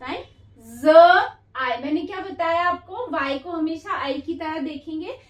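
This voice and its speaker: A woman teaching a phonics lesson who sounds each word out slowly and says it again and again, calling her students "beta". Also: extremely high pitch, fairly bright tone. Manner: sounds words out slowly, repeating each one. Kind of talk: slow classroom phonics lesson. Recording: echoey room from far off.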